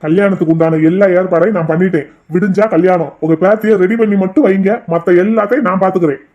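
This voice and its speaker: A man's voice: high-pitched, fairly even intonation, quick pace, lightly acted. An actor voicing a powerful, smug elderly man who menaces a family in a cartoon, boastful and coaxing. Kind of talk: cartoon voice acting. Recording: dull, lo-fi sound.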